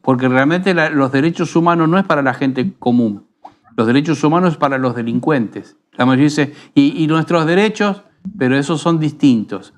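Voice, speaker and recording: Argentine pastor teaching in an unhurried tone. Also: male voice, on the high side. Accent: Rioplatense Spanish. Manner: unhurried, teaching tone with frequent rhetorical tag questions. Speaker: pastor and radio program host. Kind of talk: conversational preaching.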